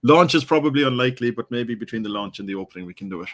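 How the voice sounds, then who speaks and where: A man's voice: mid-range voice, expressive, rapid-fire, a bit bright. A man hosting a casual live-streamed interview, friendly and hesitant, with many ums. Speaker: podcast host.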